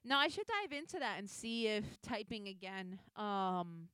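A woman's voice: medium pitch, big pitch swings, a little slow, bright, forceful tone, clear, resonant tone, dry recording. A young woman in casual chat, rambling and restarting her sentences, swearing now and then.

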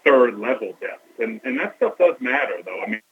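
A man's voice: mid-range voice, big pitch swings, normal speed, breathy edge. A man giving sports analysis as an interview guest, calling in by phone from a train. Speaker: sports TV sideline reporter and guest. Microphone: phone call from a moving train. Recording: dull, noisy phone line from a train.

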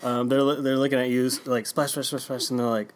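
A man's voice: medium pitch, little pitch movement, fast. A man in casual conversation, rambling and trailing off, joking at his own expense. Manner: rambling, hesitant, self-deprecating. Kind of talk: casual chat.

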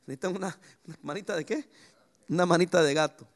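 Male pastor, high gravelly voice, very lively swings in pitch, preaching with homely stories. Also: fast talker. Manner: lively preaching with sudden pitch jumps and anecdotes. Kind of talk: sermon.

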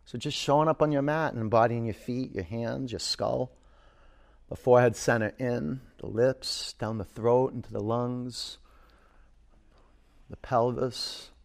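A man's voice: medium pitch, fairly even intonation, a little slow, vocal fry, darkish tone. A man teaching a yoga class, giving short, direct cues and reflective guidance, often repeating phrases for emphasis. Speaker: yoga instructor.

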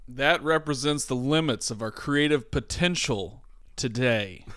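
A man's voice: mid-range voice, measured pace, a bit bright, clear, resonant tone, no room sound. A man co-hosting a podcast in casual chat, dry and self-deprecating, with a groggy morning voice. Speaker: podcast co-host.

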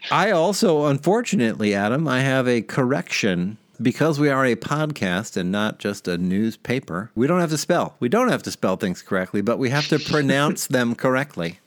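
A man's voice: mid-range voice, sing-song, normal speed, hardly any pauses, no room sound, clean studio sound. A man hosting a podcast in casual chat, talking in a chatty, rambling way with fillers. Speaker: podcast host.

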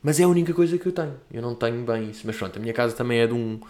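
A young Portuguese man with a mid-range, slightly mellow voice talks in rapid-fire, expressive bursts. Hosting his own show like a comedian, he answers listener questions in a loose, rambling monologue packed with slang, asides and self-mockery, his European Portuguese accent plain to hear.

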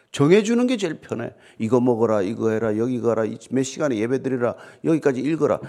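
A man preaching a morning sermon as pastor, conversational and animated, asking the listeners rhetorical questions. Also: high-pitched, gravelly. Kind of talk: morning sermon with scripture reading.

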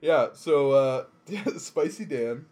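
A man's voice: fairly high pitch, animated, slow pace, darkish tone. A man from Canada co-hosting a casual podcast chat, joking and laughing easily as he rambles through a recap. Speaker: podcast co-host.

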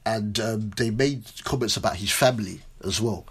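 A man with a London accent hosts a casual football talk show. He speaks in animated roadman street slang. His delivery is conversational and informal. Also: on the low side, normal speed. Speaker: host.

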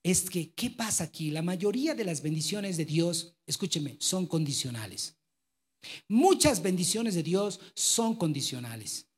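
Emphatic pastor preaching. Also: male voice, high-pitched, expressive, measured pace, husky. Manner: emphatic, swings from loud exclamations to quiet asides. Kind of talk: live sermon. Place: church with congregation.

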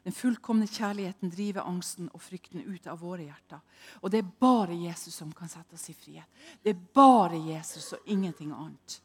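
A woman preaching a sermon, telling a personal story dramatically and moving between hushed and loud delivery. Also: on the low side, slightly rough.

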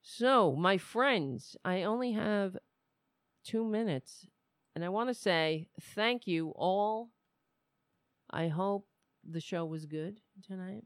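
A woman hosting a live political show, chatting casually to viewers in a loose, halting, conversational way. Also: medium pitch, no room sound, clean studio sound.

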